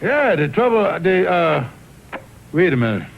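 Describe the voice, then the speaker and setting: A man's voice: high voice, big pitch swings, a little slow, creaky, full character voice. A man voicing a pompous, sputtering, scheming old colonel in a cartoon, with a Southern US accent and blustering delivery. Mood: cocky, scheming. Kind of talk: 1960s TV cartoon comedy acting. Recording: muffled vintage TV soundtrack with music.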